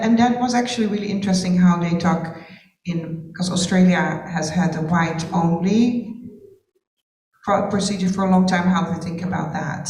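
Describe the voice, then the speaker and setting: Speaking as a panel participant, this Dutch-first-language woman from Curacao reflects aloud, hunting for words and restarting as she goes. She has a lowish, darkish voice, captured with roomy sound far off the mic.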